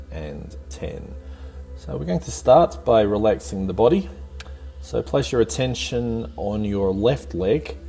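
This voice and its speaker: With a fairly low, gravelly voice, a man leads a guided meditation, giving unhurried, calm directions that gently encourage and soothe.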